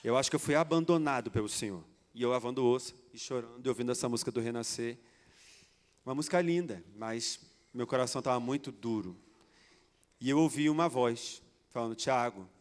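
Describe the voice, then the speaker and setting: A man from Brazil preaching a sermon, telling a personal story with acted dialogue in an animated, theatrical way. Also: mid-range voice, fairly quick. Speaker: pastor. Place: church sanctuary. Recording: long church hall reverb.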